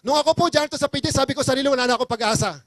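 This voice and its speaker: A man's voice: very high voice, very fast, fairly bright tone, no echo. A middle-aged man from the Philippines giving an emotional, pleading testimony speech at a business forum and rousing the crowd.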